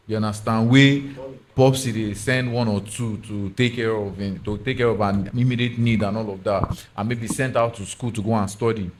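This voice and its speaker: Emphatic Nigerian man arguing in Pidgin. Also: mid-range voice. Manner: emphatic, often checks the listener understands. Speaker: podcast panellist. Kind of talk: opinionated panel discussion in Nigerian Pidgin and English.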